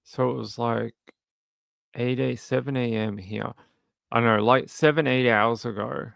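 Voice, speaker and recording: An Australian man hosts a casual live commentary stream for a true crime channel, answering chat in a dry, sarcastic, skeptical way. His medium-pitched voice is creaky yet fairly bright, with fairly even intonation and an unhurried pace. There's no echo.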